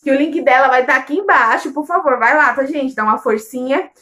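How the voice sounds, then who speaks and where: Late in her pregnancy, a young woman vlogs in a warm, easygoing chat, often calling her viewers "loves." Her high voice moves fairly quickly and has a somewhat bright tone.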